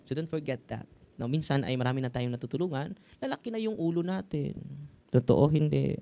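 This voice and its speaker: Chatty Filipino priest preaching. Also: male voice, a little high, fairly quick, creaky. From Philippines. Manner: chatty, tag questions, mixes languages, sudden loud exclamations. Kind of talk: informal sermon to a live audience.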